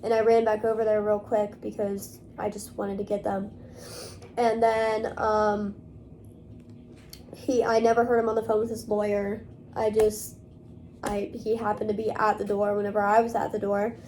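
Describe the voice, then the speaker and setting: A woman's voice: medium pitch, flat delivery, normal speed, a little mellow, slight background noise. A young woman vlogging to camera in casual talk, rambling along with many fillers. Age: young adult.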